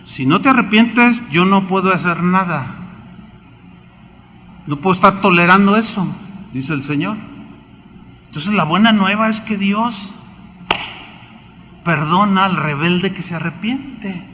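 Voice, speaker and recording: High-pitched, bright Mexican preacher. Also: male voice, measured pace, long pauses. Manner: animated, acts out biblical characters, asks the congregation questions. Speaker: pastor. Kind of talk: sermon. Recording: reverberant hall, faint background noise.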